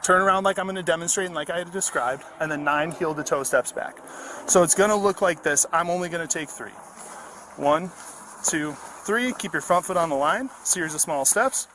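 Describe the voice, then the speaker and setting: A police officer's voice comes through a body-worn camera at a nighttime roadside. He is a man with a slightly higher pitch who talks in a calm, procedural way, walking someone through each step of a test. A faint wash of traffic and ambience sits behind him. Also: normal speed, rough recording. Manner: steady, procedural, explains step by step. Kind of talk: giving field sobriety test instructions.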